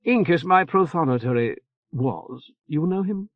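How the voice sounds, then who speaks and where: For an audiobook, a man plays a nervous older churchman who halts, hedges and stammers, tacking "eh?" onto lines amid many "uh"s. His raised voice sits on the high side and is expressive, with no room sound in the dull, muffled recording.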